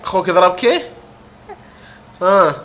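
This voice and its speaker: A woman comforting a crying child in a home video, soothing her with repeated reassurances and gentle teasing. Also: lowish voice, animated, unhurried, lo-fi sound. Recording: noisy home video recording.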